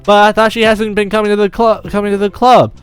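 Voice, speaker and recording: A man's voice: sits high, level tone, fast talker, clear, resonant tone, soft background music, pitched above the performer's own voice, lightly acted. A man voicing a shy, bookish teenage girl in a raised girlish voice. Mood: curious.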